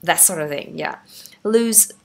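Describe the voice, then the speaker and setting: A woman's voice: lowish voice, lively intonation, takes it slowly, creaky, a little mellow. A young adult woman with a Vietnamese accent, teaching English phrases, reading each phrase aloud and explaining it, often checking with her listeners. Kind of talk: language lesson explaining phrases.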